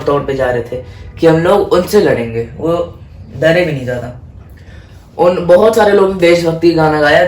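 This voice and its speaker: Man teaching history in an echoey room. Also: high-pitched. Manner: mixes Hindi and English, stumbles over French names and apologizes; asks himself questions then answers them. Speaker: history tutor. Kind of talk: casual exam-prep lesson. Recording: echoey room, faint background noise.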